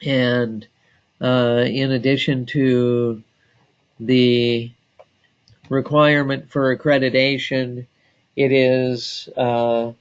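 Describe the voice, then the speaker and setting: A man training staff on database software, talking slowly and deliberately with frequent filler pauses. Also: mid-range voice, little pitch movement, clear, resonant tone, dull audio. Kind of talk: screen-share software tutorial.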